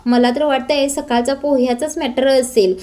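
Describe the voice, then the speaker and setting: A woman's voice: high-pitched, fairly even intonation, warm tone, lightly acted. A woman voicing a frightened, loyal woman servant. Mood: nervous. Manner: nervous, hurried.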